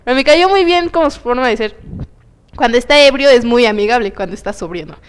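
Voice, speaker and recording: A woman's voice: a little high, fast, clear, resonant tone. Slangy Mexican woman telling a story. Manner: animated storyteller, slangy and playful. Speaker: co-host. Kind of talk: casual chat.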